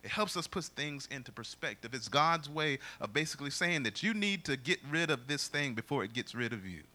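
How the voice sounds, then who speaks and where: A male pastor preaching a sermon, booming and drawn out when he reads scripture and dropping low for his asides. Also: animated, fairly quick, pushed and bright.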